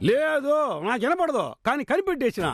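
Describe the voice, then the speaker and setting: An actor playing a hard-of-hearing older father, loud, scolding and comic, over background music. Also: very high voice, animated, fairly quick. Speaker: bride's father.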